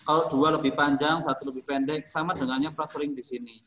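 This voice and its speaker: A man's voice: on the high side, fairly even intonation, quick pace, crowd noise. A man teaching a school music class, explaining singing technique in an encouraging, joking way. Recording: echoey classroom.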